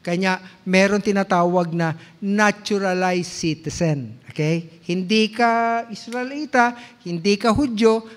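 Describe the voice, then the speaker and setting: A Filipino pastor preaching a sermon in mixed Tagalog and English, teaching like a lecturer and often checking in with the congregation. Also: male voice, high-pitched. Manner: teacherly, asks the congregation questions and checks in with "okay?"; slow, deliberate delivery with drawn-out quoted verses. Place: church sanctuary.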